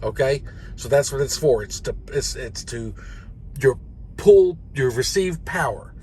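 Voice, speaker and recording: Like a trucker teaching others, this host and truck driver gives a casual, folksy, hands-on rundown of radio controls in an instructional video, rambling as he goes. His mid-range voice has lively intonation, a measured pace, and a slightly mellow quality, with a little hiss or hum.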